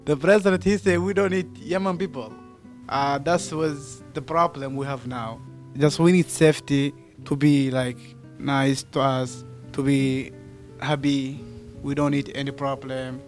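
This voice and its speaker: A man's voice: medium pitch, fairly even intonation, a little slow, faint music behind. A young man whose first language is Arabic, speaking hesitantly in broken English in an interview. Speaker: student interviewee. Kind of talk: interview testimony.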